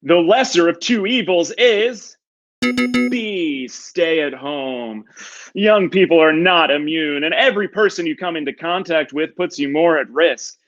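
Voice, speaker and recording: Booming prize-announcer delivery, smug game show host, acted by a man, highish male voice, theatrical, dull audio. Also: measured pace, fairly bright tone.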